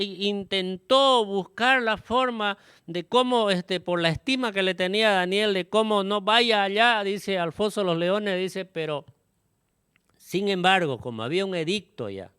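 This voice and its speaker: A man preaching a sermon to his congregation, often tagging his phrases with a questioning "¿no?" and filling pauses with "este". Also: sits high, fairly bright tone, clean tone, dry recording, studio quality.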